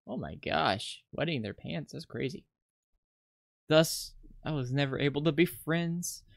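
With game music underneath, this visual novel host reads game text aloud in a medium-pitched, creaky voice with lively intonation and a measured pace, dropping casual asides and occasionally stumbling. The sound is clean and studio-like, with no room sound.

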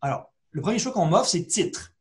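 A man's voice: sits high, lively intonation, normal speed. A man, a librarian, talks through a screen-share tutorial in a conversational way, full of fillers and restarts. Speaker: librarian giving a webinar.

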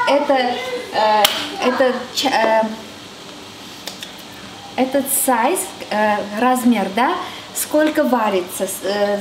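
A woman's voice: a little high, background noise. A woman in her thirties with an Armenian accent hosting a cooking show in her home kitchen, chatting casually and thinking aloud with fillers and restarts. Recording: echoey kitchen with background music.

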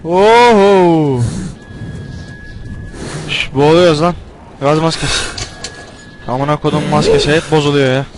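A young man commentating a game as he plays, panicking, swearing and yelling at it. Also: a little high, a little slow, pauses often, noisy background. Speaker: gameplay commentator. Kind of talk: let's play commentary.

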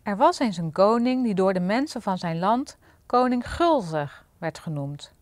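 A woman's voice: mid-range voice, a little slow, no echo. Woman reading a fairy tale aloud. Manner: clear, lively storybook narration. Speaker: storyteller.

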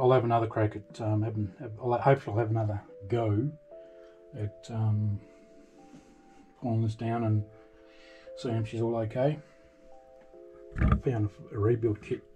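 An older man with an Australian accent walks through a boat's engine room on his vlog, talking in a halting, rambling way full of ums and restarts, tired and frustrated. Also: on the low side, fairly even intonation, warm tone, soft background music, low-quality recording. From Tasmania, Australia. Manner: weary and frustrated. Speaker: boat repair vlogger. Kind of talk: casual walkthrough vlog. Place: boat engine room, indoors.

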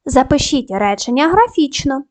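A woman teaching a primary school video lesson, giving clear step-by-step instructions and spelling out sounds slowly with upbeat praise. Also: high-pitched, big pitch swings. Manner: clear, slow, syllable-by-syllable dictation; upbeat praise between tasks.

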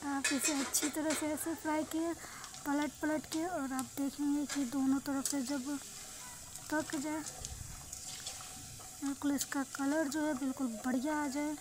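This home cook and vlog host, a woman with an Indian accent, has a high-pitched voice with little pitch movement, a measured pace and long pauses. She gives viewers a chatty, repetitive cooking demonstration by a frying pan in her indoor kitchen, recorded on a noisy phone.

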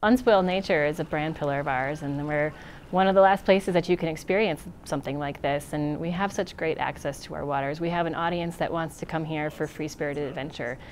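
A middle-aged woman speaking as a tourism official in an outdoor interview, thoughtful and pausing with fillers. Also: low voice, a little hiss or hum. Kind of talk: interview soundbite. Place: outdoors by a lake.

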